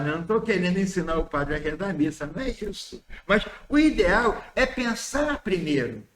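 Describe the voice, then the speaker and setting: A man's voice: sits high, fairly bright tone, echoey room. A Brazilian man giving an informal spiritist lecture, chatty and full of questions and asides to his listeners. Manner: conversational, asks the audience questions, asides and quick quips.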